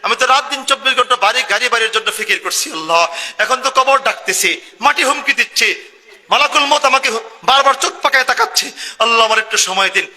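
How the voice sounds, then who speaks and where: A man voicing a terrified dying sinner who begs God for more time, his pleas frantic and rising high. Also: a little fast, sharp tone, heavily acted. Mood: desperate pleading. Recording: long booming hall reverb.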